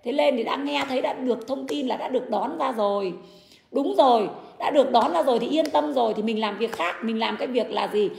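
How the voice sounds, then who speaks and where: Fast, gravelly indignant woman ranting. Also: a little high, a little mellow, reverberant. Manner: indignant, argumentative, addresses critics bluntly. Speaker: livestreamer defending her husband. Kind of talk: livestream rant.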